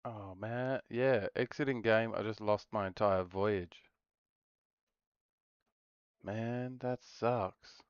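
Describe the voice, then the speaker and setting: Male game streamer, smooth voice, rambling self-talk, close and dry. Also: fairly low pitch, steady tone, takes it slowly, pauses often, dry recording, dull audio. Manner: rambling, talks to himself while playing. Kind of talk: casual live-stream chat.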